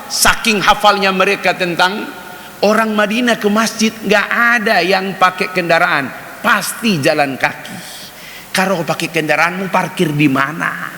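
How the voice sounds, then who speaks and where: A man's voice: high voice, measured pace, bright, forceful tone. A man preaching a sermon in a mosque, chatty and direct, often turning to speak to the men listening. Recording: reverberant mosque hall, faint hiss.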